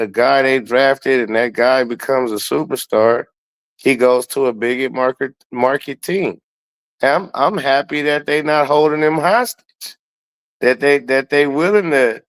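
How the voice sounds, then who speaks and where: A guest commentator shares his sports opinions in casual, slangy, profane language, often repeating words for emphasis. His voice is mid-range and smooth.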